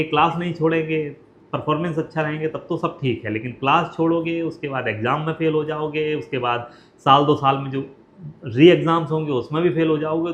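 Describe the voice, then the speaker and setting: A man explaining things directly to students and parents, asking common questions and answering them plainly. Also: mid-range voice. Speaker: education consultant. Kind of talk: explanatory talk to camera. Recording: roomy, dull lo-fi sound with faint hiss.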